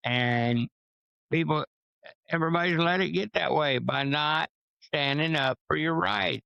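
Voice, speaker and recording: A gravelly, rough-edged man with a twang talks bluntly and preaches his opinions, swearing as he goes. The sound is dry and a little dull, like a lo-fi recording. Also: fairly high pitch, a little slow, bright, forceful tone, no echo. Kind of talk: casual opinionated chat.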